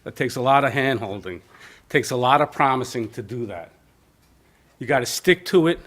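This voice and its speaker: A man's voice: medium pitch, animated, normal speed, fairly bright tone. A man giving an informal nominating speech at a local caucus meeting, mixing in joking asides with plainspoken emphasis. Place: community center meeting room.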